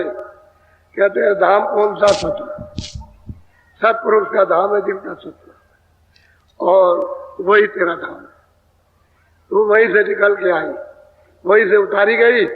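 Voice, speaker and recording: Slow high-voiced man preaching in an echoey hall. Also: a little hiss or hum. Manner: slow, repetitive expository preaching, prompting chanters. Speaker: spiritual teacher giving satsang. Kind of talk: devotional sermon explaining verses. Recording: echoey hall over a tinny lo-fi line.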